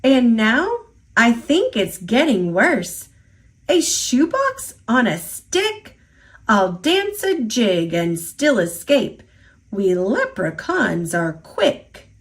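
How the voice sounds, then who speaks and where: A woman's voice: on the high side, very animated, slow pace, full character voice. A woman voicing a mischievous, boastful little old male leprechaun in a storybook, with a playful, taunting, rhyming lilt. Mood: cocky, teasing. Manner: playful, taunting, sing-song rhyming delivery.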